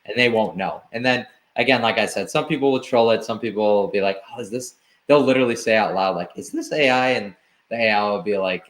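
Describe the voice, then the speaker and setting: Low-voiced man explaining on a podcast. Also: fast talker. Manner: relaxed explaining with many fillers and restarts. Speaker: guest, agency founder. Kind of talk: casual interview chat.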